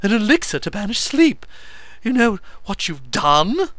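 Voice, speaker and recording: A man voicing a shrill, excitable, eccentric male alchemist who blathers breathlessly in a squeaky voice. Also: measured pace, no echo, full character voice. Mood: manic.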